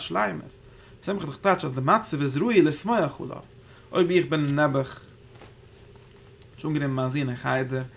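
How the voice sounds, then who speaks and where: Gravelly-voiced man teaching Torah in Yiddish. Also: mid-range voice, fairly bright tone, slight background noise. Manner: rambling, thinking aloud, Hebrew terms woven in. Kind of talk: Yiddish Torah class on the Zohar.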